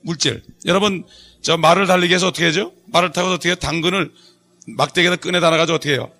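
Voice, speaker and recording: A man's voice: on the high side, fairly even intonation, fast, bright, forceful tone, faint music behind. A middle-aged male pastor preaching a Bible study sermon, quizzing the congregation and joking with them. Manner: call-and-response preaching, asks the congregation questions; jokes and laughs with the congregation.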